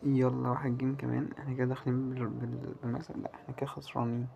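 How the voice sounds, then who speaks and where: A man with an Egyptian Arabic accent giving live commentary as he plays a slot game, muttering and pleading with it and breaking into loud cheers. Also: medium pitch, level tone, racing, vocal fry, noisy background. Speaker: gamer playing a slot game.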